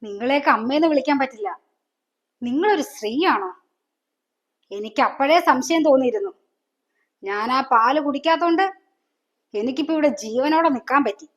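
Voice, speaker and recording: A woman's voice: sits high, animated, brisk, pauses often. An actress playing a young student daughter who reproaches her mother with pointed questions. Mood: accusing. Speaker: actor. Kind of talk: family drama acting. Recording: dull lo-fi sound.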